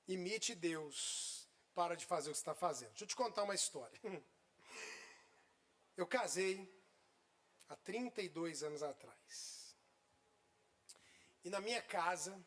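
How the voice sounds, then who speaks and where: A man in his fifties, a pastor preaching a sermon and telling a humorous personal story, with loud bursts and quiet asides. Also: sits high. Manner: humorous, exasperated.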